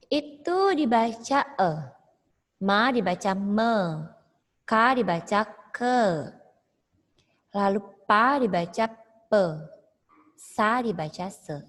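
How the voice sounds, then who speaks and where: A woman's voice: a little high, long reverb tail. A woman teacher giving an online class, patiently explaining pronunciation step by step over a video call.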